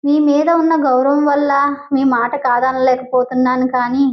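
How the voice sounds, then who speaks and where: A woman playing a quiet, dignified young widowed mother who speaks calmly and politely, on a dull lo-fi recording. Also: sits high, normal speed, lightly acted. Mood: restrained. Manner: calm, restrained, polite.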